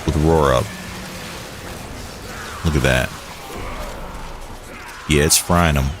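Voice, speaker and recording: Deep-voiced young man rambling on stream. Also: fairly even intonation, takes it slowly, background noise. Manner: rambling, loose, with lots of "like" and restarts. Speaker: game streamer. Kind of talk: casual gaming commentary.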